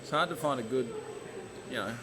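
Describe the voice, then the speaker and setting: A man's voice: medium pitch, brisk. A man with an Australian accent hosting a podcast, chatting casually in a laid-back, colloquial, rambling way. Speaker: podcast host.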